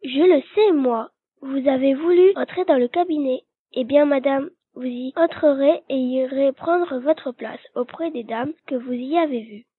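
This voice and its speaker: A woman's voice: sits high, a little slow, no echo. Woman reading as stern cruel Bluebeard. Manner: stern and threatening. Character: cruel wealthy husband with a blue beard, a man. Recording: dry, tinny phone-like recording.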